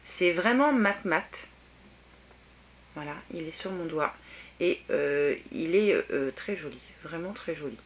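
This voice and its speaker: A woman's voice: low voice, animated, takes it slowly, slight background noise. A French woman vlogging a casual makeup review, chatty and hesitant with many fillers, eager about the products. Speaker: beauty vlogger.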